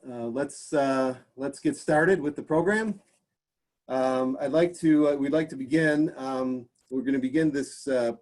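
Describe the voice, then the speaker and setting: Halting man hosting a club meeting. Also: mid-range voice, a little mellow. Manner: halting, many fillers. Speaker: club president and meeting host.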